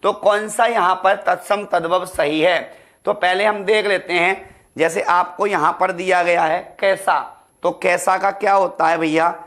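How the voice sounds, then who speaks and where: The Hindi teacher here has a high, slightly bright voice, fairly even intonation and a measured pace as he preps students for an exam. His habit is to ask something and answer it himself, while calling the students "beta" and "ladlo".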